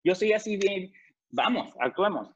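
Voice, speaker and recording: A man with a Mexican Spanish accent telling an animated, emphatic story as an interview guest over a video call, mixing in English phrases. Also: high-pitched, measured pace, husky. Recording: muffled video-call audio.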